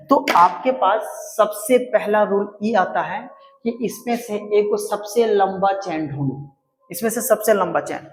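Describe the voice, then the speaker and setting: High-voiced male science teacher. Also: a little hiss or hum. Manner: repeats key words and quizzes students with questions. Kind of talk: classroom lesson at a board.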